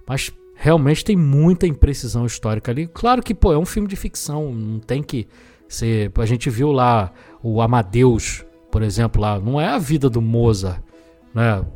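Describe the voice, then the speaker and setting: Speaking at a moderate pace in an animated, darkish mid-range voice, a man with a Brazilian accent chats informally about films on his podcast. He explains his views with colloquial, opinionated flair while background music plays.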